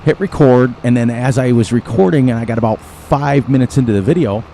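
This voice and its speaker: This is casual gameplay commentary from a man hosting a farming game channel in the United States, who jumps from one thing to another and chuckles frequently. He talks briskly in a dark voice at medium pitch. A bit of background noise is audible.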